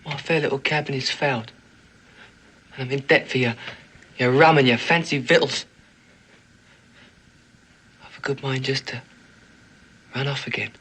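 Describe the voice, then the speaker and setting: Actor as bitter, cornered fugitive. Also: male voice, mid-range voice, steady tone, normal speed, pauses often, fairly bright tone, a little hiss or hum, close to an everyday voice. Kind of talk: period western screen acting.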